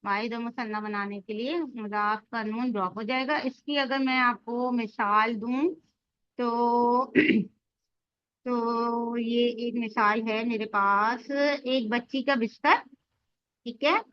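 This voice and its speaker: A woman's voice: fairly high pitch, steady tone, slow, no echo, muffled recording. A woman teaching an Arabic grammar lesson, explaining step by step and quizzing her students as she goes.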